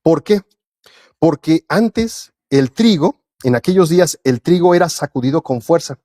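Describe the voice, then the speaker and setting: Un hombre que predica un sermón, lee pasajes bíblicos en voz alta y los explica con preguntas a la congregación. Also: male voice, a little high, animated, a little slow, warm tone. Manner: reads scripture aloud and explains it, asking the congregation questions. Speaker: preacher. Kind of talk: sermon.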